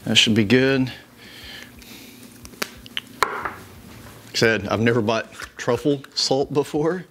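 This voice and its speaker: A man's voice: mid-range voice, slow pace, background noise. A man hosting a casual home cooking video, joking around and chuckling as he cooks. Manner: joking, easygoing, chuckles often. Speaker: cooking show host. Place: home kitchen.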